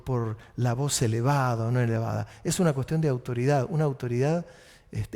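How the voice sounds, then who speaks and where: A man, a pastor with an Argentine Rioplatense accent, preaching a sermon that swings between raised urgent exhortation and low quiet asides. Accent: Rioplatense Spanish. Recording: long church reverb.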